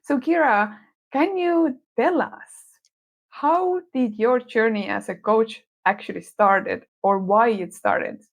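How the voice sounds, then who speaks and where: A woman's voice: on the high side, takes it slowly. Woman co-hosting a podcast. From Estonia. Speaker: podcast co-host. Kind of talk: casual podcast conversation.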